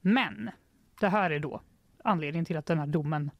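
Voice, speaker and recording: A woman's voice: deep voice, dry recording. A woman hosting a casual news podcast, relaying stories with wry, dry quips.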